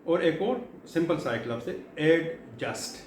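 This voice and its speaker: A man's voice: on the high side, expressive, darkish tone. Middle-aged guy teaching vocab, repeats stuff a lot, lots of "uh", echoey room. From Pakistan. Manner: explanatory, repeats key words, frequent fillers. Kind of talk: classroom lecture. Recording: echoey room, faint background hum.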